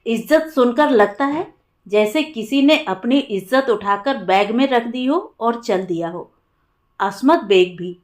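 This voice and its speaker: A woman voicing a cheeky young sister-in-law who teases and mixes English words into her speech, in a higher, slow voice. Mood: teasing.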